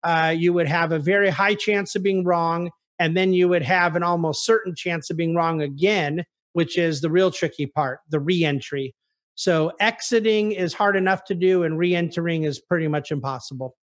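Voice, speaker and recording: A man with a voice on the high side talks at a normal speed, playing an investment officer on a conference call. He fields investor questions with articulate, emphatic explanations in a stretch of market commentary.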